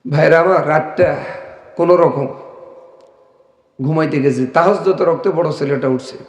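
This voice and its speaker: A high-voiced male preacher tells stories animatedly, breaking into sudden shouts and urging the crowd to answer back. He is heard through loudspeakers in a big, echoey hall with a long reverb tail. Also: moderate pace. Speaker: Islamic preacher. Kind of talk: humorous Bengali waz sermon.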